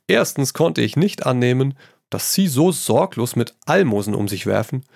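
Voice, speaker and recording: This man's voice is medium-pitched with vocal fry, heard at normal speed in a dry, studio-quality recording. He reads a story in the role of a witty, worldly painter, amused and lively, teasing a friend while dropping French phrases.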